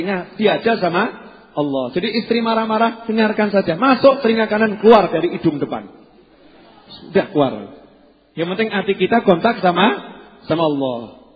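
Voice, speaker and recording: A man with a Javanese accent preaching a casual, joking sermon to a congregation, slipping in Javanese phrases. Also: a little high. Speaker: Islamic preacher. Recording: dull sound with long hall reverb.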